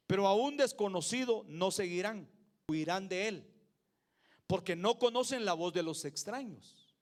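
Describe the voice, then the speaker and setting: A man with a Mexican accent preaching a sermon, emphatic, with loud peaks, low asides and questions put to the congregation. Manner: emphatic, swings between loud peaks and low asides, asks the crowd for agreement.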